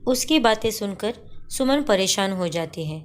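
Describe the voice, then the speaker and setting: A woman narrating a cartoon story in a plain, steady voice. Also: mid-range voice, normal speed.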